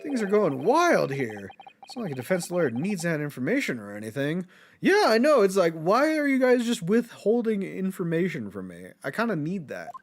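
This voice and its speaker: A man's voice: high-pitched, huge pitch swings, normal speed, slight background noise. A man streaming a game with casual, slangy and sarcastic commentary.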